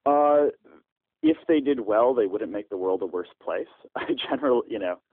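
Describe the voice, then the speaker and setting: Deep-voiced man on a tinny landline phone. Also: expressive, no room sound. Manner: halting, frequent "uh" fillers and restarts. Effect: heard over a landline phone. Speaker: startup founder interviewed by phone. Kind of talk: phone interview answers.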